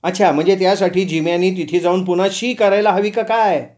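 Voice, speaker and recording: A teasing young woman with a quick, cutting tongue, as a male storyteller puts her on. She fires back raised, pointed questions and never gives an inch. She sounds like a storybook character, pitched higher than the teller's own voice. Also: fairly even intonation, a little mellow, lightly acted. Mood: mocking. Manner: mocking, quick-witted retorts. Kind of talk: storytelling with acted dialogue.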